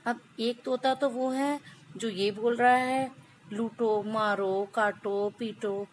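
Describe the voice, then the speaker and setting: A woman teaching young children, reading a story aloud slowly and then retelling it and asking simple questions. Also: fairly high pitch, a little hiss or hum, rough recording.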